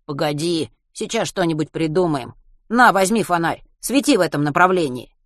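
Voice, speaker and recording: A woman voicing a stubborn teenage boy who talks brusquely and grumbles loudly in an audiobook. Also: low-pitched, lively intonation, moderate pace, no echo, studio quality. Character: determined teenage boy, gruff and stubborn rescuer.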